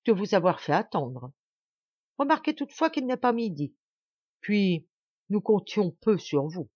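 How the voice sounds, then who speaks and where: A woman voicing a fiery, scornful young man who speaks roughly and insultingly, in a dry home recording. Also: medium pitch, sing-song, measured pace, darkish tone, no room sound, dull audio. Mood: curt. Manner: rough, insulting, furious outbursts.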